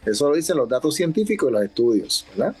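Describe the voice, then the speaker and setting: A man with a Puerto Rican accent, a counselor on a health talk show, explaining in a calm, measured way and often asking for agreement. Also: fairly high pitch, husky. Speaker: substance abuse counselor.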